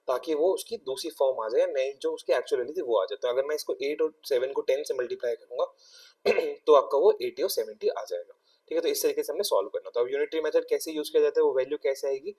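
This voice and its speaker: A man's voice: on the high side, mellow, far from the mic. A young Indian man teaching a maths exam-prep lesson, explaining step by step and often checking in with his students.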